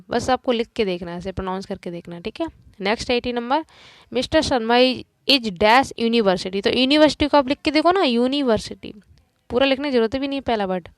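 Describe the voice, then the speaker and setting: A woman's voice: on the high side, a bit bright, no echo. A woman teacher working through a grammar lesson, explaining each answer step by step and asking and answering her own questions.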